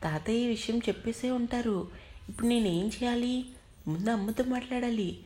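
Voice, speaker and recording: A short-tempered young man who bosses and scolds in clipped phrases, read by a woman narrator. Her voice stays a little high and close to her own. It sounds like a spoken storybook. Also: moderate pace, mellow, natural voice. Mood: worried.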